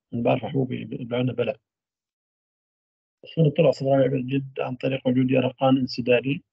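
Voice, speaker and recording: A man giving a university radiology lecture, trailing off mid-phrase into drawn-out fillers. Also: medium pitch, vocal fry, slightly rough, no room sound. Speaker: medical lecturer. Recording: dull lo-fi dry recording.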